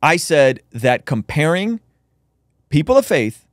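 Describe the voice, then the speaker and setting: A man's voice: on the high side, very animated, slow, no echo, clean studio sound. A man hosting a podcast, making a casual, argumentative rebuttal with frequent restarts. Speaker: podcast host.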